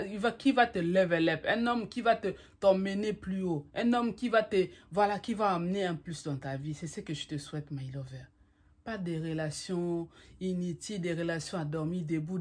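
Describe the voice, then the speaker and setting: Husky woman giving emphatic pep talk. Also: on the low side, normal speed. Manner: emphatic, repetitive, addresses listener as "my lover"; mixes French with English phrases. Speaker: vlogger giving relationship advice. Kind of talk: motivational talk to camera.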